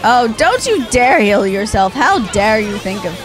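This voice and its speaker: A young woman commentates casually as she plays a video game. Her voice is a bit high and her delivery is playful and sarcastic. Faint game music runs underneath. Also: big pitch swings, unhurried. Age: young adult. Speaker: gaming streamer. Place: small room indoors with shelves.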